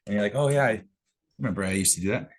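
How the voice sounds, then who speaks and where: Speaking at a racing clip in a fairly low voice, a man chats casually while checking his own mic on a video call. He's about to present to colleagues at a real estate office meeting, and his manner is easygoing.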